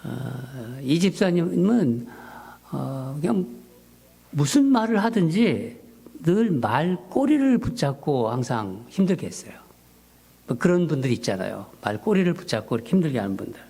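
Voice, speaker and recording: Animated Korean pastor preaching a sermon. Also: male voice, medium pitch, moderate pace, gravelly, husky. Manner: storytelling, animated, rising when quoting his own prayers. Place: church sanctuary.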